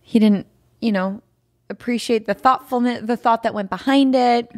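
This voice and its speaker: A young woman telling a personal story in casual conversation, animated and laughing often. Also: a little high, normal speed, no room sound, clean studio sound. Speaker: podcast guest, host's wife.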